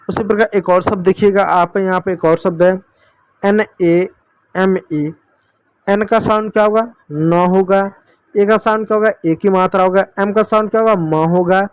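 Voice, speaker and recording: A man's voice: high-pitched, a little mellow, dry recording. A man teaching children English phonics, patiently asking questions and answering them himself. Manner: repeatedly addresses kids as dear children.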